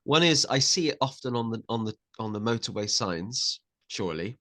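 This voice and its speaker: A man's voice: medium pitch, lively intonation, moderate pace, a bit bright. A man hosting a podcast, chatting with his guest and asking questions. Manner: chatty, interviewing. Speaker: podcast host. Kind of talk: casual conversation.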